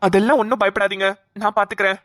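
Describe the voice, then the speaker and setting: A woman voicing a calm young male doctor who reassures the family in an animated cartoon. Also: mid-range voice, racing, dry recording, studio quality, natural voice. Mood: reassuring. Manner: soothing, explaining patiently.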